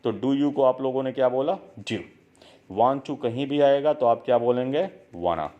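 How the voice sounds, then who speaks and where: A man's voice: medium pitch, fairly even intonation, normal speed, muffled recording. A man with an Indian accent teaching a spoken English lesson, mixing Hindi and English and drilling learners to repeat phrases.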